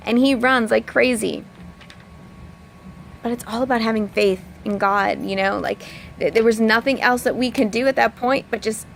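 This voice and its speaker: Woman vlogging, kinda high and gravelly, rambles with lots of likes, super earnest. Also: slight background noise. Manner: rambling, full of "like" and "you know"; earnest, openly emotional. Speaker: personal development coach. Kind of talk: casual heartfelt vlog talk.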